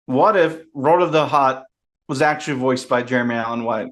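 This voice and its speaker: A man with a mid-range voice co-hosts a relaxed film review podcast. He keeps his remarks short and low-key. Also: moderate pace. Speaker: podcast co-host. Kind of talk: casual film review chat.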